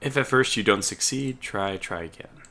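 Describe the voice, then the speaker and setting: A gravelly, forceful, bright voice on the low side belongs to a man muttering to himself as he plays a strategy game. He speaks at a moderate pace, clears his throat as his voice gives out, and keys tap behind him.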